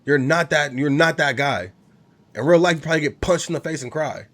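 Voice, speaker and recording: A man's voice: a little high, a little fast, fairly bright tone. Congested young man ranting casually. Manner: profane, rambling, heated. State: congested from a cold. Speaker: gaming channel host. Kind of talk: casual rant to camera.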